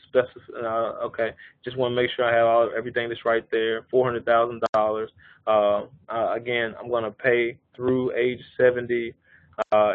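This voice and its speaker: A man in his thirties, medium in pitch, presents life insurance figures on a live conference call, with no room sound on the line. The call audio is narrow, and he explains step by step, often checking in with his listeners.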